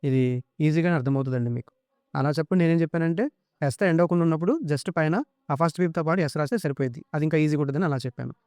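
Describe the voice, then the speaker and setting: Telugu-accented male grammar tutor, crisp tone, switches to slow deliberate English for rules. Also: on the high side, darkish tone, no echo, clean studio sound. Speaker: English teacher. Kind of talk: exam-prep grammar lesson.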